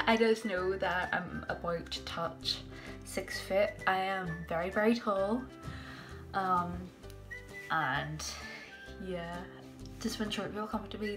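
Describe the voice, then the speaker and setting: In a small tiled bathroom, a young Northern Irish woman vlogs to a phone camera at arm's length, chatting casually, giggling and dropping into whispers now and then. Her voice is mid-range with vocal fry.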